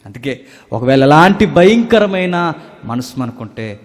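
A man preaching a sermon at a church service, swinging between loud emphatic bursts and hushed, near-whispered lines. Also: a little high, big pitch swings, a little slow. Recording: long hall reverb.

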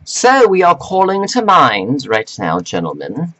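Man, scolding lecturer, slow delivery, preachy, sudden pitch jumps. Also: huge pitch swings, pushed and bright, rough recording. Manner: reads from notes. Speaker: self-styled life coach addressing men. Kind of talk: lecturing monologue to camera.

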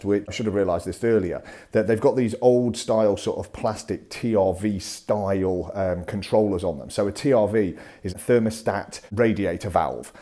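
In this casual walkthrough vlog, a UK man in his forties who vlogs as a landlord offers practical tips while touring an empty rental property. His voice is lowish and mellow, picked up by a wired earphone mic, with scenes in the empty house and a parked car.

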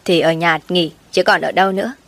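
Figure: a woman reading the lines of a scornful middle-aged stepmother who talks coldly and mockingly. She delivers her lines flatly in an audio story. Her voice is a little low. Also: fairly quick. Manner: cold and mocking.

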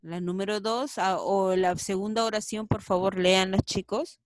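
A woman's voice: medium pitch, fairly even intonation, normal speed, no echo. A woman teaching a children's reading lesson. She stretches each word syllable by syllable and coaxes her pupils to read along. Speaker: primary school teacher.

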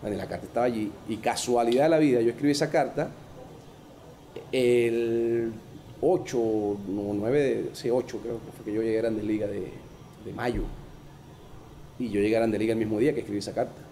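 A man's voice: mid-range voice, brisk, slight background noise. Venezuelan man telling baseball stories. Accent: Venezuelan Spanish. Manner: animated, acts out the people in his stories with a raised voice. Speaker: former baseball player, guest. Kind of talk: casual storytelling.

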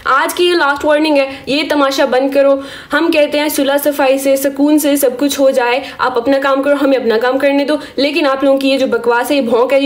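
A woman with a hoarse, sore-throated voice delivering a stern warning rant to her live-stream viewers, scolding them and asking "okay?" after each point. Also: sits high. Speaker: social media creator on a live stream.

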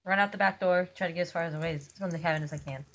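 A young gamer chats casually as a co-player in a gaming video, his mid-range voice steady in tone, slightly bright, and racing along. The mic sounds dull and clearly noisy, with audible clicks.

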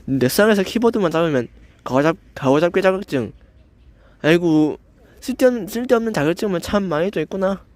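Young guy with a stammer going off at a hater, kinda high voice, super dry close mic. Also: lively intonation, a little fast, darkish tone, dry recording. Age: young adult. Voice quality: stammers, slightly slurred pronunciation. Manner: confrontational, swearing, constant filler "eo". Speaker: channel host. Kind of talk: angry rant at a commenter.

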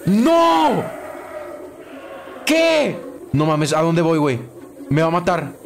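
A man's voice: fairly high pitch, fairly even intonation, brisk, slight background noise. A young man with a Mexican Spanish accent, commenting on a horror game as he plays, swearing and shrieking when scared. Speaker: gaming streamer. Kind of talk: let's play commentary.

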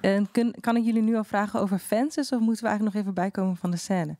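A woman's voice: mid-range voice, fairly even intonation, quick pace, dark tone, dry recording. A woman interviewing guests on stage, speaking hesitantly with many fillers.

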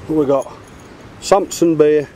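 A man with a voice on the high side and a dark tone talks slowly in blunt, casual chat, showing off his finds as an amateur bottle digger. Filmed outdoors at a wooded dig site on a handheld camera microphone, the audio is poor, with faint ambient sound and clear outdoor background noise.

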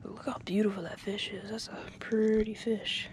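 A young man mutters his way through a fishing trip in a relaxed, half-whispered way, his voice sitting a little high. The sound comes from an action camera strapped to his head out on a lake, with loud outdoor noise running underneath. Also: normal speed. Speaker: angler vlogging from a kayak. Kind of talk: casual fishing commentary. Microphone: head-mounted action camera.

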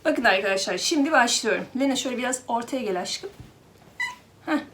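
High-pitched woman doing a chatty pet vlog, talking right to viewers like friends. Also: expressive, a little fast, a bit bright, slight background noise. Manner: chatty, addresses viewers as friends, coos to her cat. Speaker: pet vlogger. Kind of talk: casual product demo to viewers.

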